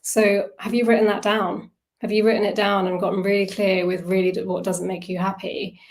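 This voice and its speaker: In a mid-range voice with a flat delivery, a woman speaks briskly. She is the facilitator of an informal online wellbeing workshop on self-soothing, talking conversationally, musing aloud and questioning her listeners.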